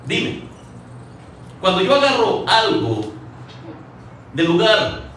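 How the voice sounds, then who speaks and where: A man's voice: sits high, very animated, slow pace, a bit bright. A man preaching a sermon in a conversational way, telling stories and acting out the quotes. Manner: conversational, acts out quotes in a storytelling way. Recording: echoey hall from far off, faint ambient noise.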